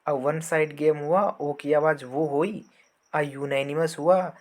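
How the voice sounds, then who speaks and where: A man's voice: on the high side, level tone, slow pace, darkish tone. A man teaches a grammar lesson to students. He explains patiently and repeats each word and sound aloud. He asks questions and answers them himself.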